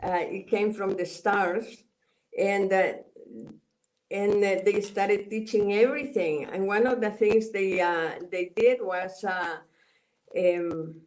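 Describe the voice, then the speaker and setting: A woman's voice: medium pitch, fairly even intonation, slow pace, darkish tone, poor audio. A woman from El Salvador with a Spanish accent, speaking English as a second language and answering interview questions over a video call, hesitant and full of fillers. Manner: hesitant, many filler sounds and restarts. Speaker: guest, Mayan elder. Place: home in Guatemala.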